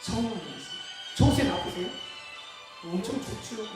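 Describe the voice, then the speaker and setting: A man's voice: high-pitched, lively intonation, normal speed, music in the background. A man preaching a sermon in a church hall, asking the congregation questions and answering them himself. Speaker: pastor. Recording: echoey hall, mic far off.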